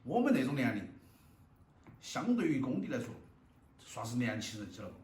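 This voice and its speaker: A middle-aged man with a Southwestern Mandarin accent talks casually to his vlog audience while chewing his food. His mid-pitched voice sits away from the microphone in an echoey room. Some background noise runs underneath. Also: big pitch swings, fairly quick, darkish tone. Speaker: vlogger. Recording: echoey, noisy room, distant mic.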